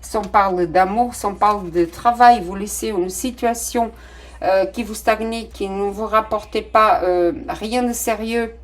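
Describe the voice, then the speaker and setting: A tarot reader whose French is not her first language gives a casual reading straight to viewers. Her mid-range voice is fairly even and a little slow, full of fillers and restarts.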